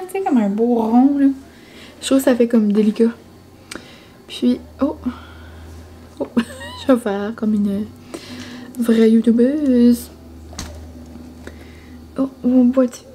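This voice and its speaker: A woman's voice: a little high, dark tone. A young woman with a Québécois French accent chatting casually in a vlog, full of fillers like "genre" and "comme". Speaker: vlogger.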